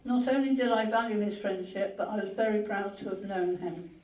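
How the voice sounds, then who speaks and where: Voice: mid-range voice, fairly quick, a little mellow. Host reading tributes in an echoey hall. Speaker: host of a memorial gathering. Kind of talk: reading tributes and introducing speakers. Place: large hall at a memorial gathering. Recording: echoey hall, from a distance, faint noise.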